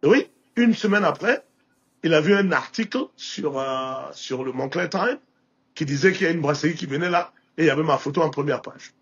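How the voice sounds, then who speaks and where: A man's voice: fairly high pitch, fairly quick, breathy edge, dull audio. A man from Burkina Faso with a Burkinabé French accent, telling anecdotes in a casual interview with many restarts. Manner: anecdotal, with frequent restarts and filler. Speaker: interview guest, entrepreneur.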